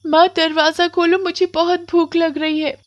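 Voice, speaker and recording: A woman's voice: extremely high pitch, little pitch movement, normal speed, no room sound, pitched above the performer's own voice. A woman voicing an unhappy, timid young girl who talks tearfully and pleads. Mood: pleading.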